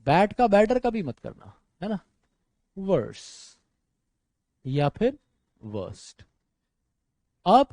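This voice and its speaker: Teaching an exam-prep grammar lesson, a young man with an Indian English accent speaks animatedly in a high voice, captured in a dry recording. He addresses his students as friends and brother and blends English words into his explanations.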